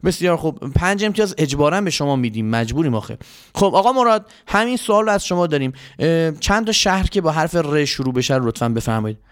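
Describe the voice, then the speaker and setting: A man's voice: on the high side, very animated, clear, resonant tone. Polite, flustered man hosting a quiz. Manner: patient, polite, flustered by contestants. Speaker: quiz host. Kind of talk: children's quiz show.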